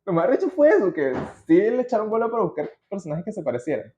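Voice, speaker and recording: A fast-talking Venezuelan man hosts a podcast in a high-pitched, slightly mellow voice with big pitch swings, over slight background noise. He tells things loosely from his notes, slangy and digressive, in a muffled, roomy recording.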